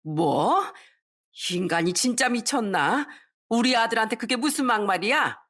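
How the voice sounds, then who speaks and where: A woman voicing a domineering older mother-in-law who yells scornfully at her daughter-in-law in a radio story reading. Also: fairly high pitch, animated, a little slow, pitched above the performer's own voice. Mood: shocked. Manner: shouting, scornful.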